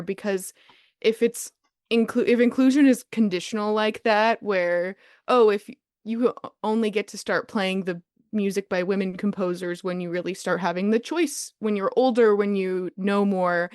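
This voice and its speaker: A woman composer taking part in a podcast roundtable, her voice sitting at an ordinary middle pitch. She thinks aloud, with many fillers and restarts. The sound is dry and close, with no room echo. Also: smooth. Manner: thoughtful, with frequent fillers and restarts. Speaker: composer guest.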